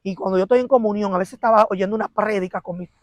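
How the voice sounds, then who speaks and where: Woman telling her church testimony, animated, acts out the arguments, dry close sound. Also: mid-range voice, very fast, no room sound. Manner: animated storytelling, acting out quarrels and prayers. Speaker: interview guest giving a testimony.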